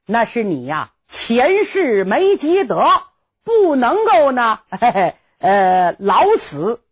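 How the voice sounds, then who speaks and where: Coarse drunken male bandit, woman storyteller playing him, gruff mocking drawl, husky; dull lo-fi recording. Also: fairly high pitch, big pitch swings, slow, no room sound, full character voice.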